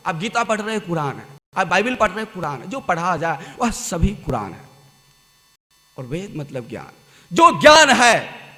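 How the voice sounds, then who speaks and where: High-pitched preaching man, booming hall. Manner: swings between loud exhortation and low murmured asides; repeats short commands in rhythmic lists. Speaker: spiritual teacher. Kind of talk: sermon.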